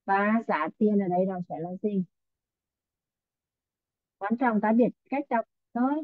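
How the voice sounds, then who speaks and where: A woman's voice: medium pitch, measured pace. A woman teaching an online English class, coaxing her students and echoing their answers. Her voice comes through a narrow, tinny line with no room sound around it. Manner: coaxing, calls on students, repeats answers back. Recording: tinny phone-like online audio.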